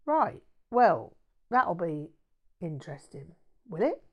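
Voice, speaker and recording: A woman's voice: fairly low pitch, very animated, slow, husky, muffled recording, heavily acted. A woman voicing a brash, cheeky working-class man in an audiobook story, with a blunt, matey, slangy way of talking. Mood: blunt, sceptical.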